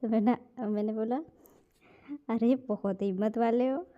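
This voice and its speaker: A woman's voice: a little high, steady tone, a little slow, highs cut off. A young woman vlogger, amused, casually reading out chat messages and her replies.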